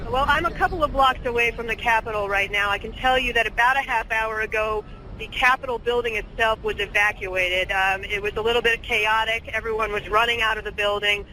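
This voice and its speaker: Bright-voiced reporter live outdoors. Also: female voice, a little high, fairly quick, low-quality recording. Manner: steady, plain reporting with small hesitations. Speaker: field reporter. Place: outdoors near a government building.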